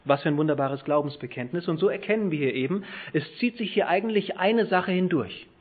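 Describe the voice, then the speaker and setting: Husky-voiced German preacher, tinny sound. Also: male voice, on the high side, animated, a little fast. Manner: emphatic, rising to loud stress on key words, dropping soft at ends. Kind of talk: sermon with scripture reading.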